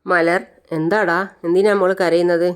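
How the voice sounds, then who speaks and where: The narrator voicing a kind uncle-like man who asks gentle, coaxing questions, in a clear voice. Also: sits high, little pitch movement, normal speed, close to an everyday voice.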